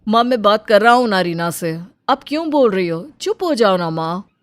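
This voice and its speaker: A woman's voice: mid-range voice, expressive, normal speed, lightly acted. A woman voicing a young husband caught between his mother and his wife, pleading and placating, in a cartoon story.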